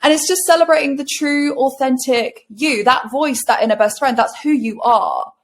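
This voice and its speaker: Woman, bubbly interview guest, fairly high voice, animated chat. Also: moderate pace. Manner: bubbly and animated, swears casually. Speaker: guest coach.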